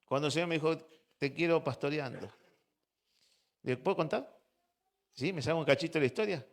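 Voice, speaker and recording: Fervent Argentine pastor, higher voice. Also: male voice, lively intonation, quick pace. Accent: Argentine Spanish. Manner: fervent, quizzes the congregation with repeated questions; swings between hushed and loud delivery. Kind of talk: sermon. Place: church service.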